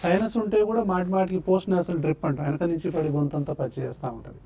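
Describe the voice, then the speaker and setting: A man's voice: a little high, steady tone, rapid-fire, creaky, warm tone. A man speaking as a doctor on a TV health show, patiently explaining causes and treatments one after another. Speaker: doctor answering health questions.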